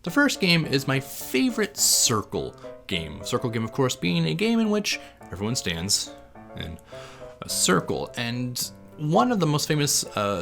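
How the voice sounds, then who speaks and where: A man's voice: medium pitch, creaky, a bit bright. A man hosting an instructional explainer with wry, self-deprecating humour and frequent hesitant uhs. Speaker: host of a theatre tips channel. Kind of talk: instructional explainer, part scripted.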